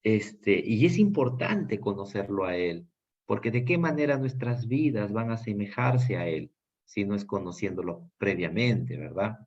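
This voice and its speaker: A man's voice: fairly low pitch, lively intonation, a little slow, a little mellow. Earnest Peruvian man teaching Bible class. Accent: Peruvian Spanish. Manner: earnest, many fillers and restarts. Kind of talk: Bible study lesson. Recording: dull lo-fi sound.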